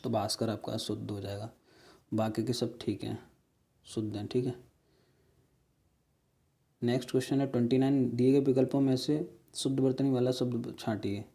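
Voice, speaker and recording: Mellow-voiced male teacher explaining answers. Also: mid-range voice, fairly even intonation, moderate pace, gravelly, pauses often. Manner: explains step by step, repeating words and "ठीक है"; asks rhetorical questions to viewers. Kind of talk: exam-prep spelling lesson.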